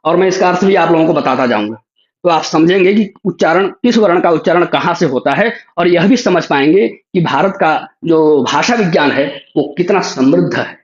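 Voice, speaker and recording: A man with a high voice leads an online class, explaining patiently and stretching out each sound to demonstrate it. His voice comes through a call, roomy and dull. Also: lively intonation, moderate pace. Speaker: Sanskrit teacher. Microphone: video call.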